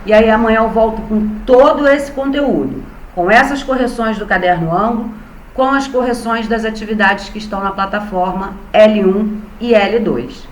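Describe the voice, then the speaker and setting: A woman's voice: mid-range voice, moderate pace, reverberant, slight background noise, poor audio. A young Brazilian woman teaching an online class to small children, patiently spelling out syllables. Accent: Brazilian Portuguese. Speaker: primary school teacher.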